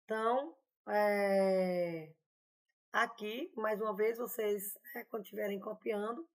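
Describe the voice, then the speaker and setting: A woman teaching a grammar lesson online, in a chatty, explanatory way that keeps checking in with her students. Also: medium pitch. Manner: chatty, explanatory, often adding "né?" and "tá, gente?". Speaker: Portuguese teacher.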